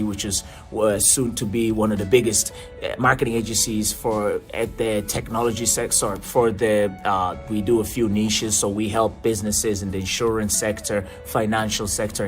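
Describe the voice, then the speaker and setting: Guy in his 30s from tanzania rambling on his vlog, um and uh everywhere, faint music behind. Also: lowish voice. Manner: rambling, many fillers and restarts. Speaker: vlogger and marketing coach. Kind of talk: casual vlog monologue.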